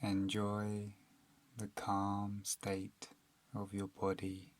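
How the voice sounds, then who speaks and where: A man with a fairly low-pitched voice leads a guided meditation, his delivery soothing, calm, and slow, with long pauses after each phrase.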